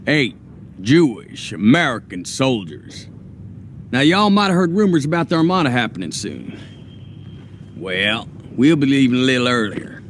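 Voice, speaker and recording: A man's voice: mid-range voice, a little hiss or hum. An actor playing a tough Southern army lieutenant with a Southern US accent, giving a commanding, drawling speech to his soldiers.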